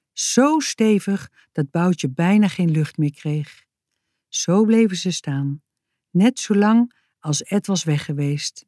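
A woman author reading her own children's story aloud, slow and expressive. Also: on the low side, dry recording, clean studio sound.

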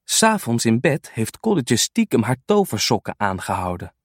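Brief: male narrator for a kids' story, very expressive melody, close and dry. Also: medium pitch, no room sound. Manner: animated and unhurried. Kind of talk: children's storybook reading.

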